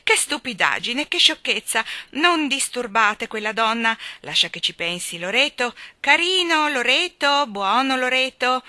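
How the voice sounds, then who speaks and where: A woman voicing a boastful male parrot-head umbrella with a croaky, squawking, self-praising manner. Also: fairly high pitch, very animated, a little slow, few pauses, pushed and bright, dry recording, voice pushed up, heavily acted.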